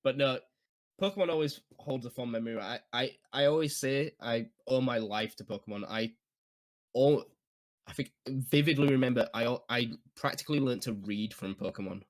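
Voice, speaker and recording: A man's voice: medium pitch, normal speed. Chatty man in his twenties. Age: 20s. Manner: nostalgic, chatty, laughs often, many fillers. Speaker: podcast co-host. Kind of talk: casual chat.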